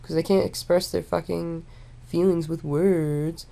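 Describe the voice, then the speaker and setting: A young woman rambling in a relaxed, stoned drawl, full of fillers and restarts, talking casually to her camera at home. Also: fairly low pitch, creaky. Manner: meandering, halting, with frequent fillers and restarts. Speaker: vlogger.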